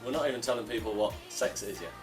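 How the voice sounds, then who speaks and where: A woman teacher giving short, relaxed answers in an interview. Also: very deep voice, very fast. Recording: distant mic with loud music.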